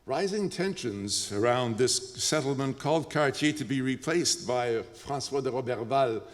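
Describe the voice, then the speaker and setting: A man with a Canadian accent lectures at a conference, lively and joking, often pausing on uh and um. His mid-pitched voice rings with long hall reverb. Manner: lively, joking asides, frequent ums and uhs.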